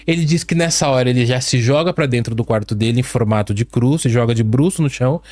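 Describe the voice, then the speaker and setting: A man hosting a podcast, retelling eerie accounts in a casual, animated way and dropping his voice low for the spooky quotes. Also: fast talker, no echo. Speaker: podcast host. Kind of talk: casual storytelling chat.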